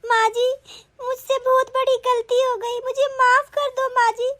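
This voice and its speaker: A woman's voice: very high voice, flat delivery, a little slow, fairly bright tone. A woman voicing a remorseful married sister-in-law in a Hindi cartoon, pleading tearfully for forgiveness.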